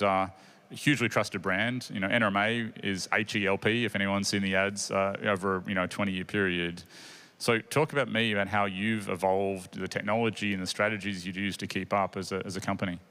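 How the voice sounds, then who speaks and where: On a big conference stage in front of a crowd, a forties-aged panel host speaks into a handheld mic with enthusiasm, often restarting and using fillers. His voice is lowish, bright and forceful, a bit quick, with little pitch movement.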